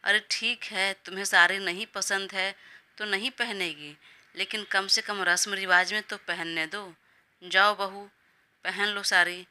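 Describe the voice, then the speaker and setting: A woman's voice: medium pitch, steady tone, unhurried, sharp tone, smooth. A woman voicing a doting old grandmother who scolds her grandson fondly and sides with the new bride. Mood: scolding. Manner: fussy, indulgent scolding.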